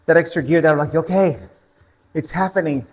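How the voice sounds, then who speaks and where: A man's voice: fairly high pitch, normal speed, darkish tone, big-room sound, faint music behind, poor audio. A man coaching an indoor cycling class, telling a personal race story between motivational interval cues and countdowns.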